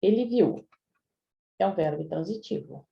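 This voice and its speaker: A woman's voice: on the low side, expressive, moderate pace, gravelly, lo-fi sound. A woman teaching a live online grammar review class, chatting with her students and often checking in with them. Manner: chatty, addresses students directly with frequent "né?". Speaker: Portuguese language teacher.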